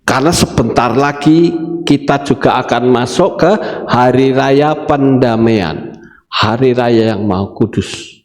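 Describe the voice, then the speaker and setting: Slow-preaching pastor in echoey hall. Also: male voice, mid-range voice. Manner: preaching, addresses the congregation as brothers and sisters. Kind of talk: sermon. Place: church hall. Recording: echoey church hall with long reverb.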